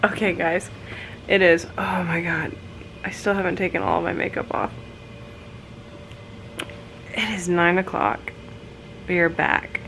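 A woman's voice: medium pitch, fairly bright tone, a little hiss or hum, low-quality recording. A young woman chatting casually to her phone camera in a hotel room, laid-back and laughing often. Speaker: vlogger. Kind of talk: casual vlog chat to camera. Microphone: phone camera held close.

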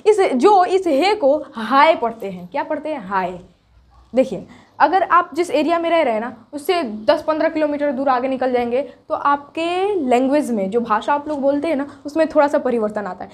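Woman teacher, high voice; grammar lesson full of self-answered questions and drawn-out, repeated example words. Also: a little mellow. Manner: asks questions and answers them herself. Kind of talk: grammar lesson explained to students.

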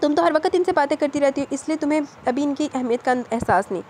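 Gentle young woman, soft-spoken, woman reader, high voice. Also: fast talker, slight background noise, close to an everyday voice.

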